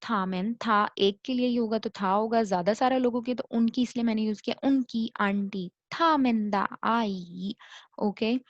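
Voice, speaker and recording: A woman teaching a recorded language lecture, repeating each word slowly so learners can copy it and mixing English into her explanations. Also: on the high side, steady tone, no echo. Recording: dull lo-fi recording.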